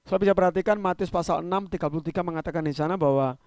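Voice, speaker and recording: Gravelly, high-pitched pastor. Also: male voice, rapid-fire, no echo, studio quality. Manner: conversational preaching, swings between loud emphatic peaks and quiet trailing endings. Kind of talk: sermon. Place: church livestream.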